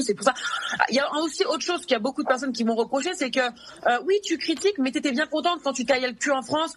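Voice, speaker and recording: A woman answering interview questions in a halting, hesitant way, restarting her sentences often. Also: high voice, fairly bright tone. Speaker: interview guest.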